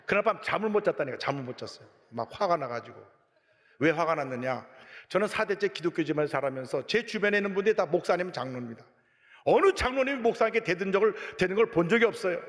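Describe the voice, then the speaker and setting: A male pastor preaching a sermon, telling a story animatedly, jumping between loud outbursts and hushed asides. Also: sits high, animated, fast, long reverb tail.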